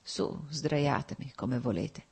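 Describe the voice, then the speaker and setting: A reader voicing a dying man who is weak, bitter and resigned, speaking in slow, hushed, halting words in an audiobook. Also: medium pitch, slightly rough, exaggerated voice. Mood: weary, hushed. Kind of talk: audiobook character voice.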